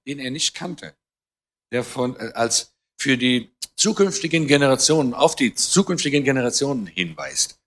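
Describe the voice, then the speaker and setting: A man's voice: a little high, a bit bright. A man in his fifties, born in Germany, gives an earnest, conversational talk to a church audience, quoting scripture, adding light humour and often hesitating and correcting himself. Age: 50s. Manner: talks with frequent hesitations and self-corrections. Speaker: guest speaker on Israel.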